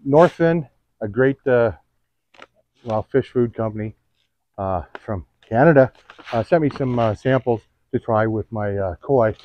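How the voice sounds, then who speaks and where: An older man with a cold-roughened voice gives a casual, halting review of fish food for his pond, with his voice breaking upward now and then. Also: lowish voice, a little mellow. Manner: halting, pauses mid-sentence to find words. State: hoarse from a cold, voice cracking upward. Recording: dull lo-fi, dry sound.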